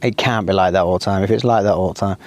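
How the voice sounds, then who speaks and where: A man's voice: deep voice, very fast. A middle-aged man co-hosting a podcast, telling stories in casual chat from outdoors in a garden. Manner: chatty storyteller, animated when ranting. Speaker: podcast co-host.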